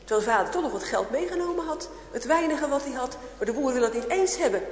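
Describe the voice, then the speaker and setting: A woman with a high voice tells a children's story with lively expression, sometimes dropping to a whisper. She sounds roomy and echoey, as if recorded in a large hall with long reverb. A faint hum lies underneath. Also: fast. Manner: expressive, voices characters, shifts to whispers for suspense.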